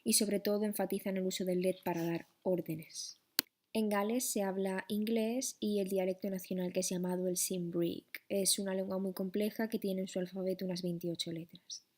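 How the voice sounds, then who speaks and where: A young woman from Spain with a Spanish accent, a student teacher reading a classroom presentation slowly and carefully, with frequent "eh" fillers. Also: mid-range voice, fairly even intonation, darkish tone.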